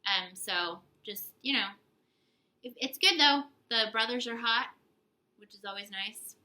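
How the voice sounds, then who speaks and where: A woman's voice: fairly high pitch, unhurried, pushed and bright, low-quality recording. A young woman co-hosting a casual book haul video, chatty and giggly, teasing herself as she talks. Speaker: book channel co-host.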